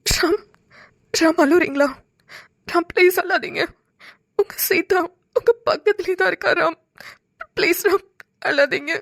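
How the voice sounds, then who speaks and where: A woman's voice: very high-pitched, steady tone, measured pace, pauses often, no room sound, clean studio sound. A woman voicing a devoted, tender young woman in a cartoon, pleading and near tears. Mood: tearful. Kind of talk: cartoon voice acting.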